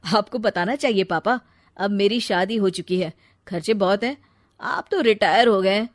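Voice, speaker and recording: A woman's voice: medium pitch, normal speed, no room sound, clean studio sound, close to an everyday voice. A woman voicing a blunt young married son in a cartoon, speaking firmly and matter-of-factly. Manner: firm, matter-of-fact. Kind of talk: cartoon voice acting.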